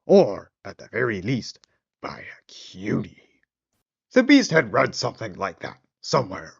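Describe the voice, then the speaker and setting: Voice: medium pitch, wildly swooping pitch, moderate pace, creaky, husky, dry recording. A storyteller giving a theatrical, wry comic narration of a fairy tale on a dull lo-fi recording.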